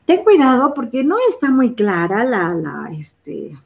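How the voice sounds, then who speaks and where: Woman, English teacher, gravelly voice, patient bilingual explanations, fillers and restarts. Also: fairly high pitch, very animated, unhurried.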